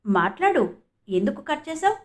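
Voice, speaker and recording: A woman voicing a possessive, angry young man who threatens his ex-girlfriend, sneering and loud. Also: sits high, very animated, normal speed, voice pushed up. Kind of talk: audiobook character reading.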